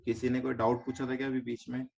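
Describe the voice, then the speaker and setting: A man's voice: mid-range voice, completely flat delivery, vocal fry, a little mellow, slight background noise. A man with an Indian accent teaching a finance lesson step by step, quizzing students and mixing in English terms. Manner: explains step by step, asks students quick check questions; mixes English terms into explanation. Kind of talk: online class lecture. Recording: slightly dull lo-fi recording.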